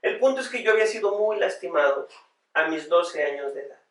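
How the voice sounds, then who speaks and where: A pastor tells his story as a podcast guest, earnest and reflective, with a somewhat high voice for a man. His voice carries a roomy echo and sounds set back from the microphone. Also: lively intonation, fairly quick, a bit bright. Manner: reflective, earnest, with frequent "este" fillers. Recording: roomy sound, voice far from the mic.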